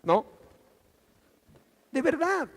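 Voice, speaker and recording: High-pitched mexican pastor guy preaching, animated, long hall echo. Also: very slow. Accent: Mexican Spanish. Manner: animated preaching, acting out quoted voices. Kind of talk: sermon. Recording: church hall reverb.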